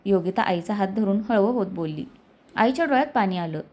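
A woman reading a family story aloud in a steady, even narration. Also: mid-range voice, a little fast.

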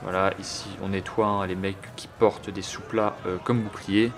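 Crude joking gaming commentator. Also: male voice, low voice, level tone, moderate pace. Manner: crude, joking, thinks aloud. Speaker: gameplay commentator. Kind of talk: casual let's-play commentary.

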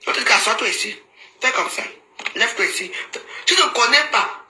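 Brief: woman, live-stream commentator, sharp bright voice, mocking and scolding, roomy phone sound. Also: fairly high pitch, lively intonation, brisk. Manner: teasing, mocking, laughs often, scolding asides. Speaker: social media commentator. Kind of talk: casual Facebook live commentary. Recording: roomy echo, faint background noise.

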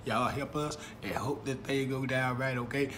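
A man's voice: mid-range voice, steady tone, moderate pace, fairly bright tone. A middle-aged man, a father joining his son's vlog, playful and a little bossy. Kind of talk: casual chat. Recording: noisy phone video.

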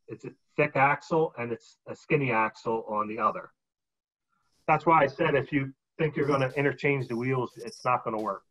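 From a home dining room with a glass cabinet, a man in his forties gives a casual show-and-tell seminar over a video call. His husky, medium-pitched voice comes through the webcam muffled as he relaxedly holds up items and explains them, saying "um" often.

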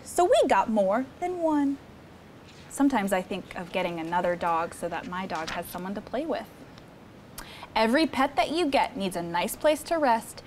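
On a studio set with seated children, a young woman leads story time, reading a picture book expressively in a high voice full of swoops and lifts. She speaks encouragingly to the kids, with a low rumble of noise behind her.

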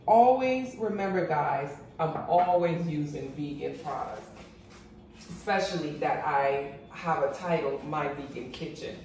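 A woman's voice: deep voice, lively intonation, unhurried, gravelly, a little mellow. A woman chatting casually to her viewers in a vlog about her patio garden and kitchen. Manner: chatty, addresses viewers as guys. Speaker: cooking and gardening vlogger. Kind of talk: casual chat to camera. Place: outdoor high-rise patio, then home kitchen. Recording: echoey, mic at a distance, noisy.

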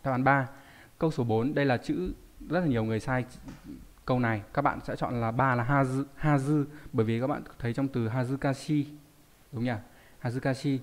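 A man's voice: mid-range voice, brisk. Man teaching a live online lesson. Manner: reads viewer names and explains readings, asking rhetorical questions. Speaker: Japanese teacher.

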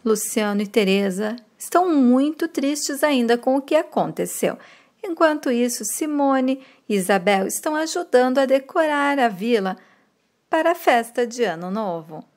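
A woman's voice: on the high side, expressive, normal speed, darkish tone. Woman retelling a soap episode. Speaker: soap opera episode recapper. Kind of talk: retelling a TV episode, reading out dialogue.

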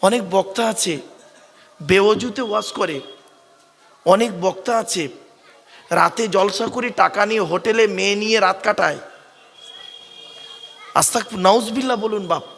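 High, bright-voiced preacher with a fatherly tone. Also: moderate pace, vocal fry, long pauses, big-room sound. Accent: South 24 Parganas Bengali. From West Bengal, India. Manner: fatherly, coaxing, often calls listeners "bap" and asks them to answer back. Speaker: preacher at an Islamic gathering. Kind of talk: sermon.

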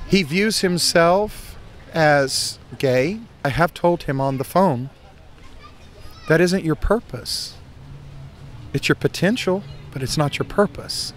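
An older man with a fairly high voice, calm and earnest as he answers questions held up to a handheld mic outdoors. Faint street noise runs in the background. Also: slow. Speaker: pastor. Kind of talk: street interview. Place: outdoors under a tent at a rally. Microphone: handheld interviewer mic.

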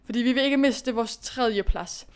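Young woman gamer talking to herself through races, high clear voice, coaching and scolding herself. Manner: self-talk, scolding and cheering herself on. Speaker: gaming youtuber. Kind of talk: casual gameplay commentary.

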